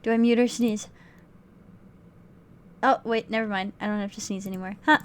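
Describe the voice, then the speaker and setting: A woman's voice: medium pitch, fairly even intonation, normal speed. A woman streamer chatting casually while reacting to a video, rambling with joking asides. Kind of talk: casual live reaction commentary.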